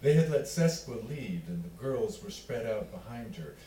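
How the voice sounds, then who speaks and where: With a fairly low, sing-song voice, a mellow male author reads from his own narrative fiction. Pauses punctuate his measured, deliberate delivery. The recording is roomy and distant, with faint background noise.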